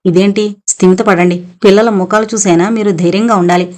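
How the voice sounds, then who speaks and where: A woman's voice: mid-range voice, steady tone, quick pace, a little mellow, lightly acted. A woman voicing a composed, educated young woman who soothes and urges a neighbor to be brave. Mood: soothing. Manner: soothing yet firm.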